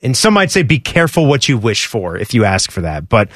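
A man's voice: medium pitch, very animated, a little fast, a bit bright, no room sound, clean studio sound. Rambling sports radio host, man. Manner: rambling, self-correcting, thinking aloud. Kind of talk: casual sports radio chat. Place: radio studio. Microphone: studio broadcast mic.

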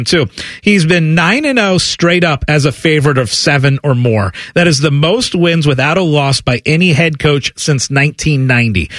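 Brief: male sports talk radio host, slightly high voice, emphatic delivery that draws out key words, dry close sound. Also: fairly bright tone, no room sound. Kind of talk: sports radio talk with sponsor reads and promos.

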